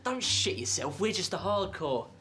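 A man's voice: high-pitched, very animated, moderate pace, bright, forceful tone, soft background music. Crude, cocky teenage boy. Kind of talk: scripted sitcom dialogue.

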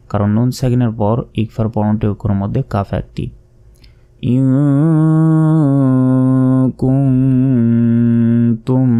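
A man with a Bangladeshi Bengali accent teaches Quran reading in a low, very mellow voice. He spells the letters out slowly and patiently, drawing out each recited word. His tone is smooth and resonant.

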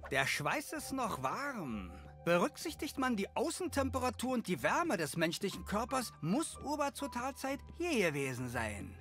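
A pompous young cartoon detective in a German dub. The voice is bright and very animated, full of earnest, theatrical self-importance. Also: male voice, sits high, normal speed, few pauses, faint music behind, exaggerated voice. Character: pompous, overdramatic amateur detective, young male, earnest and excitable.

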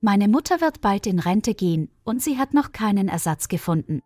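A woman's voice: medium pitch, very animated, moderate pace, a little mellow, no echo, clean studio sound, soft background music. Fiery, protective young friend, voiced by a woman reader. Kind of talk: storybook reading.

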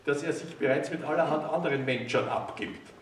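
A man voicing a scornful middle-aged wife who speaks quietly and mockingly in a roomy hall. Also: a little high, a little fast, a little hiss or hum, natural voice. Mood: cool. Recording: roomy hall, distant mic.

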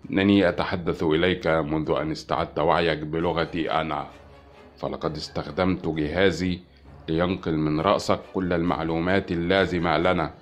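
A man voicing a cold, calm male alien envoy who speaks slowly and quietly. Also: deep voice, natural voice. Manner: cold and unhurried.

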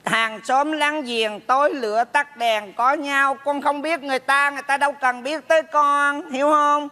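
A man voicing a nagging old mother's ghost in a stage comedy sketch, scolding slowly. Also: very high voice, steady tone, bright, forceful tone. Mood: lecturing. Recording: stage hall with long reverb.

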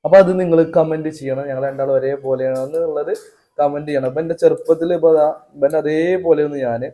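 A man's voice: on the high side, fairly even intonation, fast, dark tone. A man doing casual vlog narration outdoors behind a house, chatty and talking straight to viewers with teasing asides. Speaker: family vlogger cooking.

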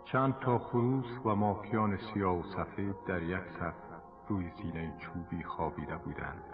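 A man with an Afghan Dari accent reading a short story in a slow, measured, literary way. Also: sits low. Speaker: narrator. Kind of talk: scripted story narration. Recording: tinny old radio broadcast with reverb and music. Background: music.

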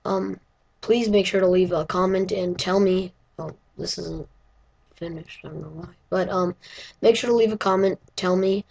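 A woman with a hoarse voice, giving a casual, rambling walkthrough of her game build with lots of hesitant fillers. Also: on the low side, darkish tone, dull audio. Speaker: gaming video creator.

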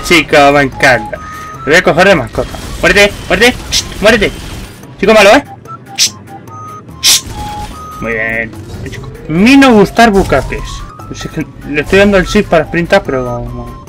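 Young man, Spain Spanish accent, high lively voice, swears constantly at enemies, faint game music behind. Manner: swears a lot, yells at enemies. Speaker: gameplay commentator. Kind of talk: let's play commentary.

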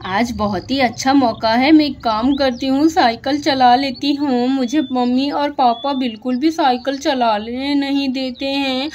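A woman's voice: sits high, a little slow, few pauses, dull audio. A woman voicing an eager little girl who chatters to herself in a doll story. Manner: chatty, excited, talking to herself.

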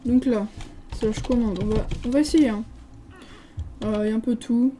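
Touring a game server, a French-accented woman reads signs out loud and fills the gaps with hesitant filler sounds. She makes gaming videos and speaks in a steady tone with a slightly high yet very warm, mellow voice. The casual home recording is low quality and carries faint background noise.

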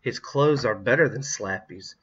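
A man's voice: medium pitch, normal speed, a bit bright, breathy edge, dull audio. A man voicing an eager, boastful twelve-year-old girl in an audiobook reading.

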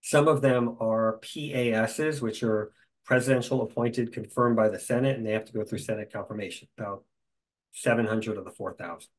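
A middle-aged man, a guest in a conversation, telling stories in a lively way with dry humor. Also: fairly low pitch, moderate pace, poor audio.

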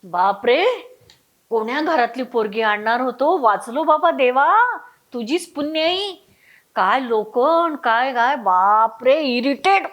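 An actress playing a sharp-tongued middle-aged mother who scolds in a shrill voice. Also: animated, slow pace, slight background noise. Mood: indignant. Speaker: mother of the groom. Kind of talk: web series acting.

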